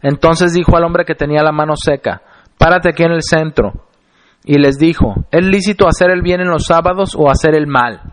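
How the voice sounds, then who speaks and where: A man preaching a sermon, reading scripture aloud and explaining it in a deliberate manner, slowing down to stress key phrases. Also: on the high side.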